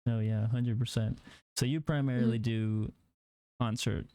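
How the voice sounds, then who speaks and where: A man's voice: mid-range voice, steady tone, moderate pace, mellow, smooth, no room sound. A young man from Mexico hosting an interview, asking rambling, easygoing questions with fillers. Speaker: podcast host.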